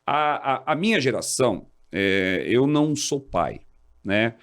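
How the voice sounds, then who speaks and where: A man in his forties talks as an interview guest in an ordinary middle-range voice. He explains at length and lively, leaping up in pitch whenever he imitates other people. He sounds like a seasoned officer. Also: unhurried. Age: 40s. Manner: animated, explanatory, jumps high when quoting others. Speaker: fire department officer, guest. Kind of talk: casual interview talk.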